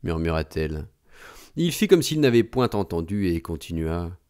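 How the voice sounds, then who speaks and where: Deep-voiced man reading a novel aloud. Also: smooth. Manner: measured and expressive reading. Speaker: audiobook narrator. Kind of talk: literary audiobook narration.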